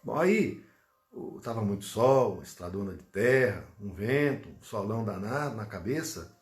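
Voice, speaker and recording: Animated Brazilian man giving a spiritual talk. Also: lowish voice, normal speed. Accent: Brazilian Portuguese. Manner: animated storyteller who turns gentle and hushed in prayer. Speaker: Spiritist lecturer. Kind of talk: spiritual talk with storytelling and prayer. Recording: roomy echo.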